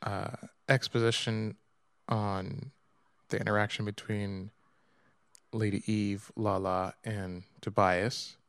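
A man's voice: fairly low pitch, little pitch movement, slow, creaky, a bit bright, no echo, studio quality. A man co-hosting a podcast in casual chat, wry and self-deprecating. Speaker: podcast co-host.

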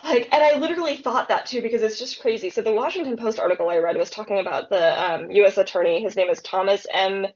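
A woman's voice: mid-range voice, quick pace, hardly any pauses, a little mellow, dull audio. A woman co-hosting a casual true-crime podcast, retelling the case in a chatty way with lots of fillers. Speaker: podcast co-host.

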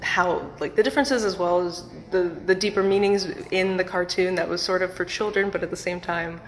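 A woman's voice: on the low side, steady tone, brisk, poor audio. A woman hosting an interview, asking casual questions with many fillers. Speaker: podcast host.

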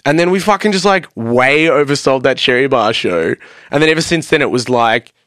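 A young man appears as a guest on a podcast, telling stories in a casual, animated chat, swearing freely and acting out what other people said. His voice is medium-pitched and a little fast, captured in a dry, studio-quality recording.

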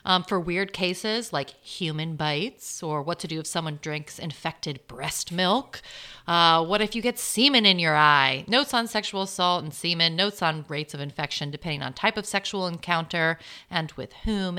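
A woman co-hosting a medical podcast, summarizing points in a brisk, playful way. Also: on the low side, pushed and bright. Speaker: podcast co-host, clinician. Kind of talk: educational medical podcast talk.

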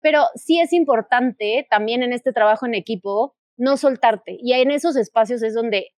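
A woman's voice: fairly high pitch, moderate pace, darkish tone, dry recording. Woman, earnest, reflective, podcast co-host, dry sound. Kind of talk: casual conversation.

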